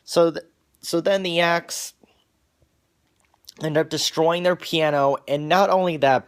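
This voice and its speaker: Male reviewer, mid-range voice, casual plot recap full of stumbles and restarts. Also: mid-range voice. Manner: halting, with frequent restarts and repeated words; wears glasses on camera. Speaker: cartoon episode reviewer.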